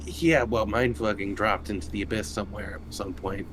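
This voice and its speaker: Joining a tabletop roleplaying game as a player, a man with a fairly low voice talks at a moderate pace and keeps his intonation fairly even. His casual chat drifts in and out of character over faint background noise.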